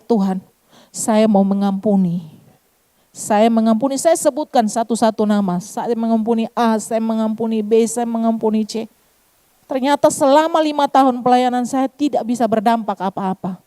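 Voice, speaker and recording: A middle-aged woman pastor with an Eastern Indonesian accent delivers a sermon woven with her own testimony. Her voice sits a little high yet sounds warm and mellow. She keeps calling out to the congregation as she speaks. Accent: Eastern Indonesian, Kupang Malay. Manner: addresses congregation as "saudara" often.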